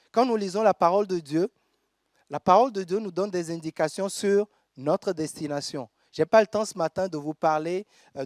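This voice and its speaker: A man from Togo, preaching a sermon in a church and reading scripture aloud with measured pauses. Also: a little high, darkish tone, no room sound, clean studio sound. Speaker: pastor.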